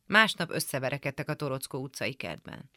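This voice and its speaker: A woman reading a literary memoir aloud for radio in a calm, measured storytelling manner. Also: very deep voice, dry recording, clean studio sound. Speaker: radio reader. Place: radio studio.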